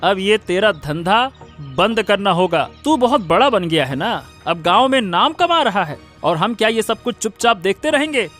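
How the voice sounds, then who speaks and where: A man's voice: high voice, animated, moderate pace, fairly bright tone, faint music behind. A man voicing a jealous young village bully who threatens and gloats in a cartoon story. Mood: menacing. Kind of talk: cartoon voice acting.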